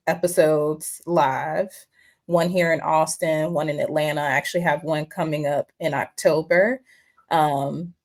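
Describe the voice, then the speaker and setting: Woman, podcast host, low-ish voice, casual chat, frequent fillers, online call. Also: a little mellow. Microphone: online video call.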